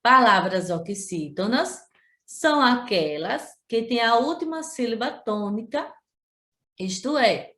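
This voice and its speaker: Brazilian teacher lady, talks real slow and stretches out words, roomy echo. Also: a little high, fairly bright tone. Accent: Brazilian Portuguese, Sergipe. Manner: slow, drawn-out syllables when pronouncing example words; addresses pupils directly, repeats points. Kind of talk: remote class lesson. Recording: echoey room.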